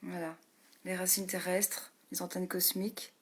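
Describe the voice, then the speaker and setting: A woman energy healer hosting a live stream, greeting viewers by name in a slow, gentle way, often laughing and dropping into soft whispers; she says her voice is low. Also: little pitch movement, husky. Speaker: energy healer and meditation host.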